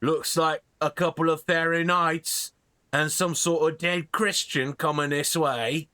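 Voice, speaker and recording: Man acting as stubborn troll, dopey cartoon bellow, drawn-out words, raised pitch, fantasy tabletop game. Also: fairly even intonation, pushed and bright, dry recording. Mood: gruff, defiant. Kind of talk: fantasy tabletop role-play.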